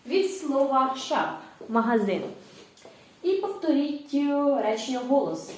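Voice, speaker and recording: A woman teaching a grammar lesson on video, clear and patient, slowing down to repeat each example. Her voice sits a little high. She is recorded from a distance in a strongly echoing room. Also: lively intonation. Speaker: English teacher. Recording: very echoey room, distant mic.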